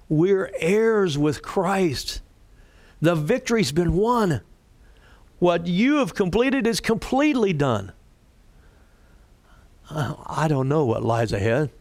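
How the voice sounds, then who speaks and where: Leading a prayer after his sermon, this pastor sounds raspy today and talks with deliberate care, lifting his voice to stress points. His pitch is fairly high and his tone darkish, with no room sound.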